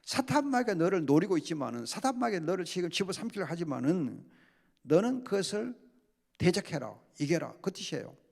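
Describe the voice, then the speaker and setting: A man preaching at a Bible study as pastor, lively, acting out quoted complaints and prayers. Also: sits high, brisk, vocal fry.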